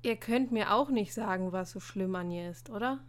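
A woman's voice: medium pitch, normal speed, close to an everyday voice. A woman voicing an exasperated teenage schoolboy who answers in annoyed, defensive retorts. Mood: irritated.

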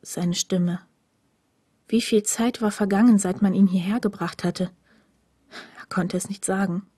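A woman narrating a story in a hushed voice that often drops to a whisper. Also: medium pitch, fairly even intonation, a little slow, slightly rough, no echo, clean studio sound. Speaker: audiobook narrator.

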